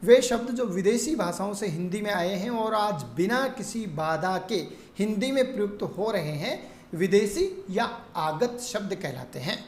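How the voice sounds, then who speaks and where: A woman teaching a grammar lesson, explaining terms and reading long word lists in a steady teaching tone. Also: medium pitch, normal speed. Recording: echoey room.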